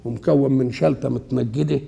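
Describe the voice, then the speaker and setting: An older man with an Egyptian Arabic accent, explaining scripture while seated, asking questions and answering them himself in a lively colloquial way. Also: medium pitch, fairly quick, vocal fry. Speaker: Islamic scholar. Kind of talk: Quran exegesis lesson. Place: seated indoors.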